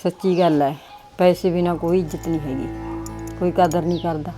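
A woman playing a sad older aunt, speaking softly and lamenting in a village family drama. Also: lowish voice, fairly even intonation, brisk, faint music behind, lightly acted. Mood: sorrowful. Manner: lamenting, soft-spoken.

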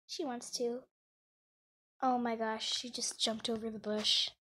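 Slow, chatty young female gamer. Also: on the high side, flat delivery, heavy background noise. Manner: chatty, narrates her own actions. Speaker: gamer playing a roleplay game. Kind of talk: casual gameplay commentary.

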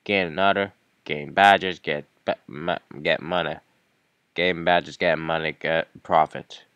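A man's voice: a bass voice, fairly even intonation, a little slow, a bit bright, clean tone, no room sound, lo-fi sound. A man giving playful, rambling game commentary with mumbled asides. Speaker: let's play gamer.

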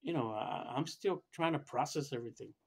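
A man telling a personal story in casual speech, rambling and halting, with many restarts and fillers. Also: mid-range voice, slightly rough. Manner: acts out other people's quoted lines in a raised voice. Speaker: storyteller recounting a personal experience.

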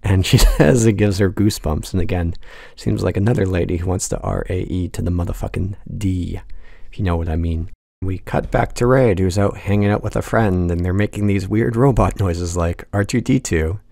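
A man's voice: low voice, moderate pace, gravelly, a little mellow, no echo, studio quality. A man narrating a casual film commentary, amused and chuckling as he talks. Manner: amused, chuckles through lines. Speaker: video essay host.

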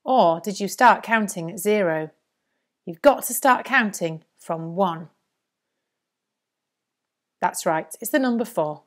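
Lively singsong woman teaching young children. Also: mid-range voice, takes it slowly, pauses often. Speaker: primary school maths teacher. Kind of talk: scripted lesson presentation for young children.

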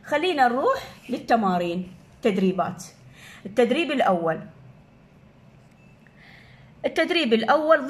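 A woman teacher with an Iraqi Arabic accent explaining a grammar lesson to children, slowly repeating each word. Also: high-pitched, a bit bright. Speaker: primary school teacher.

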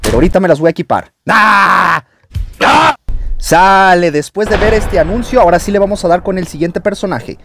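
A man with a Mexican Spanish accent giving excited gameplay commentary as a YouTuber, taunting opponents and yelling at the screen. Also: high-pitched, fast, hardly any pauses, noisy background. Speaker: gaming YouTuber.

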